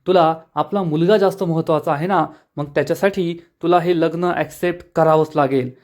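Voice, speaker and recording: A man's voice: on the high side, fairly even intonation, a little fast, a little mellow, natural voice. A man voicing a stern, scheming middle-aged father who gives firm, commanding lines in a serial recap. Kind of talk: dramatic reading of a TV serial recap.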